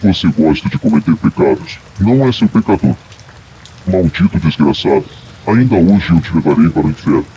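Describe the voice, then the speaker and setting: A deep booming demon voice. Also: male voice, animated, brisk, warm tone, dull audio, slight background noise. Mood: menacing. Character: menacing demonic male voice cursing a sinner.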